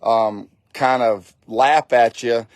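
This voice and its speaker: A man's voice: mid-range voice, fairly even intonation, slow pace, no echo. A man in his late forties giving a blunt, casual motivational talk as a fire service instructor, swearing freely and repeating lines for emphasis. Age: 40s.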